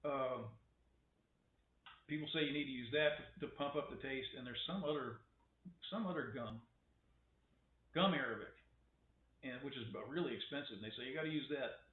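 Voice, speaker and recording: A man rambles through a casual webcam monologue, wry and opinionated, stumbling over restarts. His voice sits at an ordinary pitch. The sound is thin and phone-like, with an echoey room around him. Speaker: vlogger.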